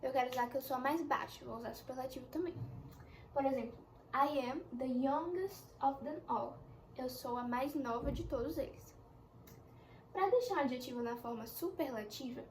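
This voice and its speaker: A young woman teaching an English lesson in a chatty way, explaining slowly with examples. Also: high-pitched, a little mellow, a little hiss or hum. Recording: echoey room with faint ambience.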